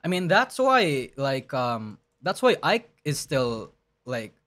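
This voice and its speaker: A man's voice: medium pitch, very animated, slow pace, a bit bright. A man hosting a reaction stream with casual, conversational commentary.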